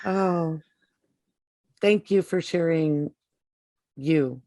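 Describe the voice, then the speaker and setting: A woman hosting an interview, speaking in a gentle, affirming way. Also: sits low, drawn-out words, dry recording. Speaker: podcast host.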